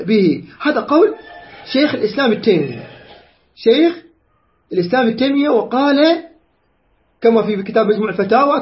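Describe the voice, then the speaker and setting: A man's voice: sits high, dull audio. A man giving an earnest religious lecture, explaining rulings point by point and citing sources.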